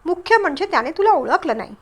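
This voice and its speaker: A woman's voice: very high voice, big pitch swings, fast talker, voice pushed up. A woman reading a soothing, caring aunt. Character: caring middle-aged aunt, peacemaker of the house.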